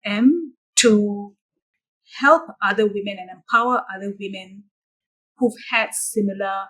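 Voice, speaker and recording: A woman's voice: mid-range voice, fairly bright tone, rough recording. A woman from Malaysia, a coach answering interview questions in an earnest, reflective way. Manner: earnest, measured storytelling with some restarts. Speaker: guest, coach.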